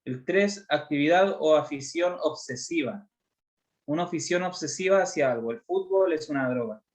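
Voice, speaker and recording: Male preacher from Chile, slightly high voice, explanatory teaching tone with rhetorical questions. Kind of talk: Bible study sermon.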